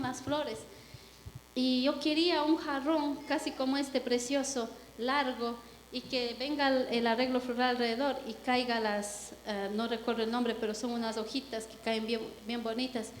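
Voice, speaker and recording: A young woman from Ecuador giving a lively testimony to a church congregation, telling her story with acted-out quotes. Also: sits high, normal speed, a little hiss or hum. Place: church hall. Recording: echoey hall with long reverb.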